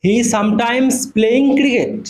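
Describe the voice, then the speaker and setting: A man's voice: very high-pitched, drawn-out words, a crowd in the background, poor audio. Man teaching an English class. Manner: explains step by step, spells words letter by letter, checks in with "okay?". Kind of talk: classroom lesson in spoken English.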